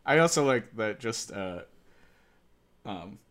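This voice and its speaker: A man co-hosting a relaxed podcast conversation, with an easygoing way of talking. His sentences often trail off into light chuckles. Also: on the low side, slow. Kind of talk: casual chat.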